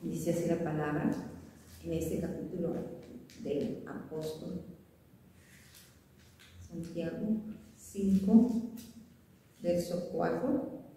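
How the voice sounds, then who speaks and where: A woman pastor teaching a sermon, reading scripture slowly and then explaining it earnestly, often repeating and restarting her words. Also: fairly low pitch, steady tone, dark tone, a little hiss or hum. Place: church sanctuary. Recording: echoey church hall, voice from far off.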